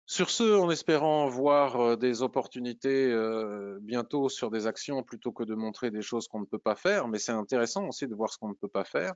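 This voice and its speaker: A man's voice: medium pitch, normal speed, few pauses, no room sound, highs cut off. A man walking through stock charts in a screen-share tutorial, thinking aloud with frequent hesitations and restarts. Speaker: trading analysis presenter.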